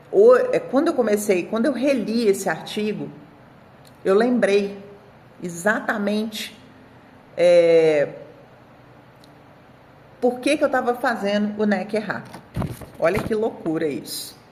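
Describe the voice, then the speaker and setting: A woman's voice: mid-range voice, slow pace, long pauses. Chatty Brazilian woman dog trainer. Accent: Brazilian Portuguese. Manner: chatty, animated storytelling, talks straight to viewers. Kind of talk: casual video presentation of an article.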